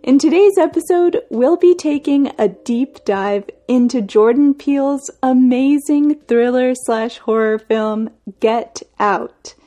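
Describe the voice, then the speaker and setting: A woman's voice: high-pitched, slow pace, hardly any pauses, mellow. Upbeat woman podcast host. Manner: upbeat, clearly read intro. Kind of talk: scripted podcast intro.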